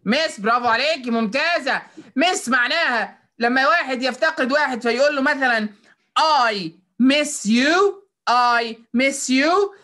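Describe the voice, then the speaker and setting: Bright-voiced Egyptian woman teaching children. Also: fairly high pitch. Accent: Egyptian Arabic. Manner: coaxing and praising, mixing in English words. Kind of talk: online class drilling children. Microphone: video call.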